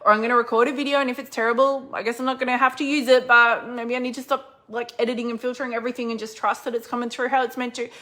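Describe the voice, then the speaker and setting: A middle-aged woman business coach giving an energetic, chatty motivational talk with a faith-based slant. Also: on the high side, racing, hardly any pauses.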